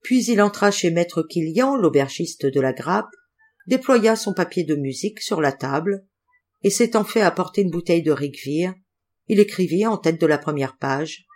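A woman narrating an old tale aloud with expressive, dramatic phrasing. Her reading swells and softens with the story's descriptions. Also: on the low side, normal speed. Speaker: audiobook reader. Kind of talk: scripted narration of a classic tale.

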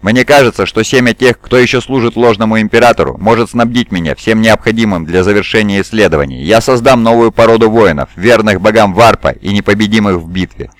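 A man voicing a calm, proud and sinister male surgeon who speaks with cold courtesy. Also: fairly low pitch, fairly quick, few pauses, no echo, close to an everyday voice. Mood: coldly polite. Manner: smooth, courteous, coldly pleased.

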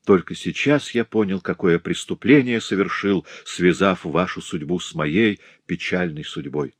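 A man's voice: low voice, a little slow, breathy edge, no room sound. A man voicing a passionate, tearful aristocratic husband in an audiobook, speaking with emotion. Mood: impassioned. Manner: emotional and impassioned. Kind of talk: audiobook reading.

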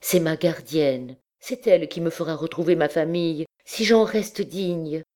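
A woman's voice: low voice, unhurried, a little mellow. A woman voicing a young, desperate dancer girl who pleads passionately with the man she loves. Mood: pleading.

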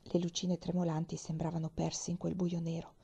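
A woman narrating a children's novel aloud, expressive and sometimes dropping to a whisper. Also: fairly low pitch, fairly quick, creaky, slightly rough. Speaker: reader. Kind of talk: audiobook narration.

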